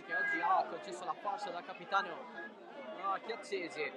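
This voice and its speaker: A man giving live football commentary, breathless and excited in the Italian goal-calling manner, bursting into shouts. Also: sits high, normal speed, very noisy. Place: outdoors at a football ground. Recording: loud crowd and music, outdoor stadium. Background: loud crowd and music.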